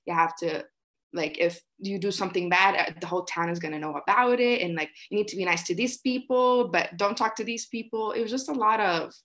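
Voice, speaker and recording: A woman's voice: medium pitch, fairly quick, fairly bright tone. A woman in her twenties from Egypt, a guest on a video-call interview, talking casually with lots of fillers. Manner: chatty, many fillers like "like". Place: small room indoors.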